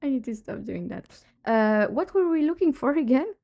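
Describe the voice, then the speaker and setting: Streaming a detective game while sick with a cold, a woman keeps up casual live-stream chat and laughs a lot as she plays, her voice lowered. It's a high, mellow voice with big pitch swings, vocal fry and a moderate pace.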